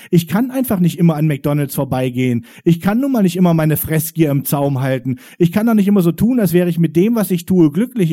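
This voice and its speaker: A man's voice: a little high, dark tone. Wry man reciting spoken-word poetry. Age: 40s. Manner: rhythmic, wry, confessional delivery.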